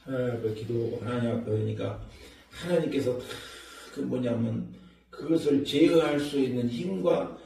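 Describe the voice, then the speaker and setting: An older man with a Jeolla accent, a church elder giving an emotional, animated testimony sermon. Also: mid-range voice, moderate pace, creaky, background noise. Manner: emotional, animated storytelling with laughter. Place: large prayer hall. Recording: echoey hall, mic far off.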